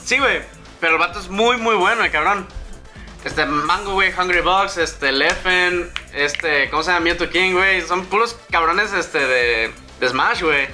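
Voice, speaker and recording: A man's voice: high-pitched, moderate pace, sharp tone, soft background music. A man with a Mexican accent chatting casually about games, slangy and rambling with lots of fillers. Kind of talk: casual gaming chat.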